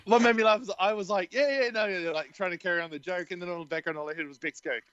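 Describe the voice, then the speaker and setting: A man's voice: high-pitched, racing, a bit bright, smooth, dry recording. Laughing kiwi man on lo-fi call. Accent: New Zealand. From New Zealand. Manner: laughs often, swears freely. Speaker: podcast co-host. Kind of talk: casual chat. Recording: dull lo-fi sound with faint noise.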